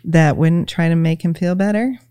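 A woman as a podcast guest, talking in a gentle, reflective way with many "you know"s. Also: on the low side, moderate pace, smooth, dry recording. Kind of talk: casual conversation, retelling a children's story.

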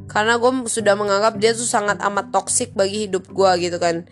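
Young woman, casual slangy vlogger venting, mid-pitched, light music under her. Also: little pitch movement, a little fast. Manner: chatty, slangy, exasperated venting. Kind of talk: casual storytelling vlog.

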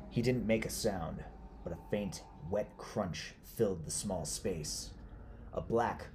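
Deep-voiced man narrating horror. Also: slight background noise. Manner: steady, grave storytelling.

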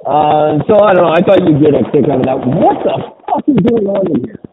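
A podcast co-host chats casually in a fairly high, animated voice at a fairly quick pace. He sounds muffled, as if talking through a sweater, on a phone-like line with background noise, rambling and swearing casually with many restarts.

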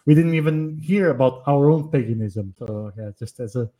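Hesitant Portuguese-born man, mellow voice. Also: medium pitch. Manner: hesitant, many pauses and uh fillers. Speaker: podcast guest. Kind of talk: casual conversational explanation. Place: home setup on a call, northern Poland.

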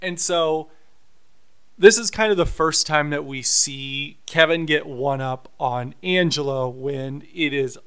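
A man co-hosting a podcast, talking through a TV episode in a measured, explanatory way. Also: on the high side, fairly bright tone, smooth. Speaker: podcast co-host. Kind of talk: casual recap chat.

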